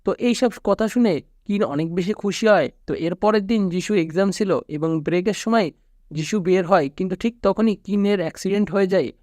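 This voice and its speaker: High-voiced Bangladeshi man narrating a recap. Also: moderate pace, dry recording, studio quality. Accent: Bangladeshi Bengali. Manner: steady storytelling recap, quoting characters flatly. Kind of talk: scripted narration.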